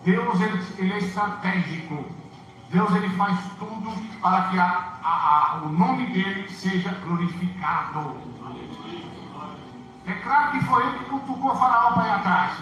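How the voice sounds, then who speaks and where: A man's voice: very high-pitched, pushed and bright, a little hiss or hum. A man preaching a sermon as pastor, telling stories with passionate cries and acted-out quotes. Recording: echoey church from far off with music.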